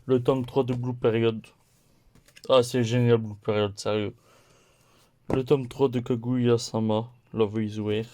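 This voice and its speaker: Un homme qui présente ses achats de mangas de la semaine sur un ton décontracté, en énumérant les titres un par un et en riant de ses erreurs. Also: male voice, medium pitch, flat delivery, warm tone. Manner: slow, listing titles one by one; playful, laughs at own mistakes. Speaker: manga haul vlogger. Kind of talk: casual haul video chat.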